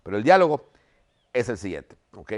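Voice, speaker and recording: A male history teacher lectures, retelling events as a story. He checks in with the class with a constant "ok?". His voice is fairly low. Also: sing-song, normal speed.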